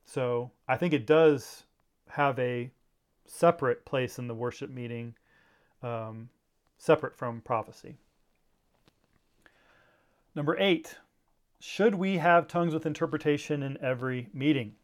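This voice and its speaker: A man's voice: medium pitch, a little slow, long pauses. A man teaching a Bible seminar in a conversational way, with frequent fillers and restarts.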